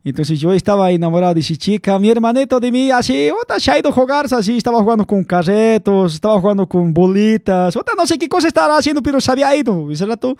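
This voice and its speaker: A man's voice: high-pitched, lively intonation, fast, hardly any pauses, a little mellow, dry recording, clean studio sound. A young man rambling through a personal story, chuckling often and calling his listener by slang nicknames. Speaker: vlog host telling a story. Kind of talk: casual storytelling to camera.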